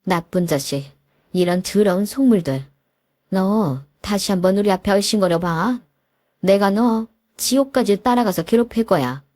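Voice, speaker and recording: A woman's voice: medium pitch, moderate pace, darkish tone, no room sound, clean studio sound, close to an everyday voice. A woman voicing a widowed older mother, scolding furiously. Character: fierce grieving widowed mother.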